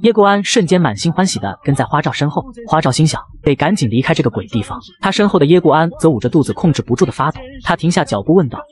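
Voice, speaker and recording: A man narrating a comic recap in a fast, dramatic storytelling manner. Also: a little high, animated. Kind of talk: scripted narration.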